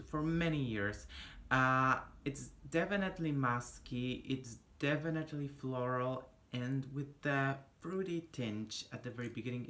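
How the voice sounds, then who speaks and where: A young vlogger with a Polish accent talks slowly and unhurriedly, rambling and breaking off mid-thought. The sound is casual and close, caught on a phone held at arm's length in a small indoor room. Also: mid-range voice, a bit bright. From Poland. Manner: rambling, chatty, self-interrupting. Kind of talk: casual chat to camera. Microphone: phone camera at arm's length.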